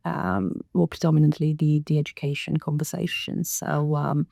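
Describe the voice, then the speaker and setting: Middle-aged woman from Romania, podcast guest, gravelly fry, dry close sound, thoughtful and unhurried. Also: low-pitched, level tone, dark tone, no echo. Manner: measured, thoughtful, many pauses and fillers. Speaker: guest, council director. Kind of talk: podcast interview.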